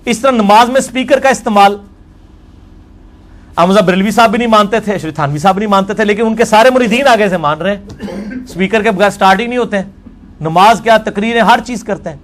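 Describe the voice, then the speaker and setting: A man speaks in the manner of a religious lecture. He reads quoted texts slowly and then comments on them forcefully. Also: sits high. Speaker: religious scholar.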